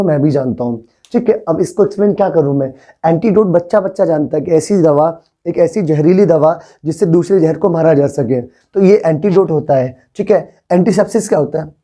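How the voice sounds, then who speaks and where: A man's voice: a little high, dark tone. A young man teaching a vocabulary class, repeating words and coaxing his students to say them back. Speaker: English teacher.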